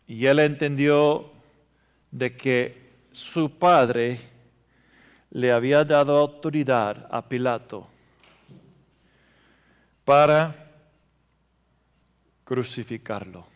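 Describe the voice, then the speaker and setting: A man preaching a sermon, telling emotional stories and swinging between loud passages and hushed ones. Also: mid-range voice, drawn-out words, pauses often, clean tone. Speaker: pastor. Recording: reverberant hall.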